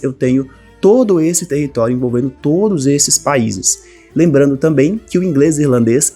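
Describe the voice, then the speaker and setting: Brazilian male teacher, lively and direct to camera, slightly husky voice, faint music bed. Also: mid-range voice. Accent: Brazilian Portuguese. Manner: lively, addresses viewers directly as a group. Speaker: English teacher. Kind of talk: online language lesson.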